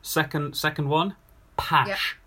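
A man's voice: fairly high pitch, slow, a little hiss or hum. A man hosting a podcast in casual chat, running a quiz with jokes and teasing. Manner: jokey, teasing, lively.

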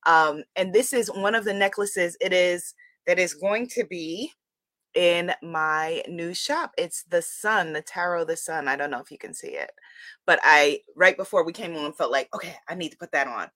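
A woman's voice: on the low side, normal speed, fairly bright tone, no room sound. A woman hosting a live spiritual talk online, chatting with viewers in an exuberant, effusive way and repeating phrases for emphasis. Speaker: livestream host and spiritual teacher.

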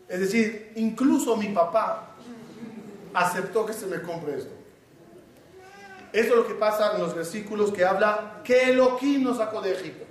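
A man giving a sermon as a rabbi, telling stories and acting out quotes with lively humor. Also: sits high. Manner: animated storytelling with acted quotes and jokes. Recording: echoey hall, mic far off.

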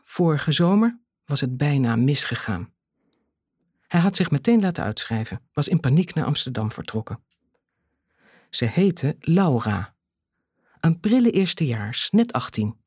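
Husky, expressive audiobook narrator. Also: mid-range voice, no room sound, clean studio sound. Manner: measured, dramatic pauses. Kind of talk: scripted thriller narration.

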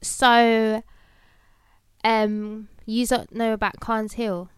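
A woman's voice: on the high side, flat delivery, extremely slow, clean tone, no room sound. A woman in casual chat, cheeky and bringing up new topics.

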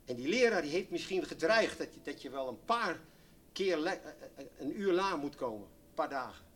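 Animated man preaching with sweeping highs. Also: normal speed. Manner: animated, swings from loud exclamations to hushed near-whispers. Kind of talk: sermon.

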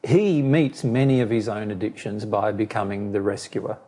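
This man, a spiritual teacher, is hoarse and losing his voice, so it comes out husky and rough and keeps giving out. His voice is lowish, dark and mellow. Explaining to a listener how he reads a question, he speaks in a measured way and frequently restarts phrases.

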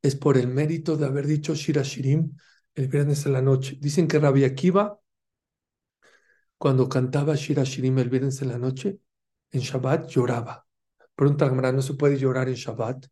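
Fervent male preacher, mellow voice. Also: medium pitch, steady tone, moderate pace. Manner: fervent, rhetorical questions to listeners; mixes Hebrew terms into his talk. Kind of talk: Torah lesson.

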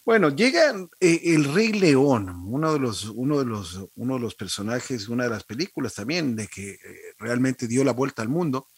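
A male interview host with a husky, slightly raspy voice that swoops up and down lively in pitch. He asks his guest curious questions and often stumbles and restarts mid-sentence, recorded close and dry. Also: normal speed, few pauses, no echo.

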